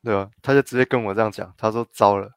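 A man's voice: fairly low pitch, fast talker, clean tone, no room sound, studio quality. A young man from Tainan with a Taiwanese Mandarin accent, telling stories in casual chat and acting out other people's lines. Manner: animated storytelling with mock-quoted voices.

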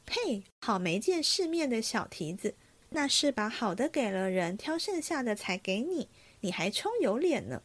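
A woman voicing a sharp-tongued, proud young maid who speaks with scornful indignation. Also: fairly high pitch, sing-song, moderate pace. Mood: indignant.

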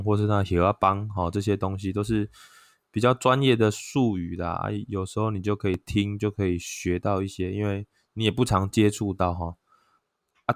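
A man's voice: low-pitched, dry recording, clean studio sound. A man with a Taiwanese Mandarin accent who gives a casual, chatty explanation, filling his talk with "oh" and chanting sounds aloud as examples. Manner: chatty, sprinkles "oh" fillers, chants tones aloud. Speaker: vlogger.

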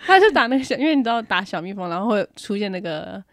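A woman co-hosting a podcast, telling a story in casual chat, acting out her own panic in high squeals. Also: sing-song, fast talker, no room sound, clean studio sound. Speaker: podcast co-host.

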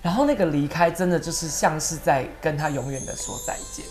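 A woman guest telling stories in an interview, animated and emotional, sometimes tearful. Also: sits low, a little fast, faint music behind. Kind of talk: storytelling interview.

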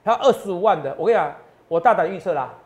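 A man's voice: sits high, expressive, racing. A man, working as a stock market analyst and giving boastful finance talk show commentary full of rhetorical questions.

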